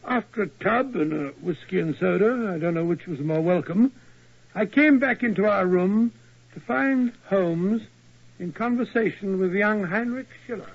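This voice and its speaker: Brief: Doctor Watson, bluff and hearty, high gravelly voice, old lo-fi radio play. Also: male voice, moderate pace. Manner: gruff, hearty, blunt. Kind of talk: 1940s radio acting. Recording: lo-fi 1940s radio broadcast.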